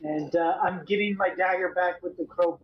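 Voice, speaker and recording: A man's voice: high-pitched, steady tone, a little fast. A man playing in a tabletop game, blunt and eager to act. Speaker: player. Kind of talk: casual tabletop role-play. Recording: dull lo-fi mic with faint noise.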